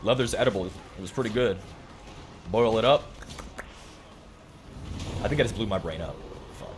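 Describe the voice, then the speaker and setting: Rambling streamer man, low voice. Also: moderate pace, over music. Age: late 20s. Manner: rambling, joking, reads chat aloud. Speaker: game streamer. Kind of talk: casual stream chat while gaming.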